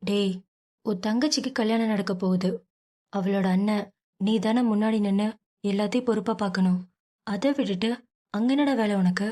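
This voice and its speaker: A woman's voice: medium pitch, moderate pace, pauses often, dark tone, natural voice. A woman voicing a worried middle-aged mother who scolds her grown son and frets over his life. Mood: scolding. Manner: scolding, fretful.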